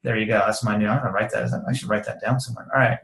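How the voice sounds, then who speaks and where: Energetic man coaching in a roomy echo. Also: fairly low pitch, rapid-fire, creaky. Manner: energetic, casual and slangy, acts out quoted conversations. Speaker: network marketing trainer. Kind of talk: motivational training talk.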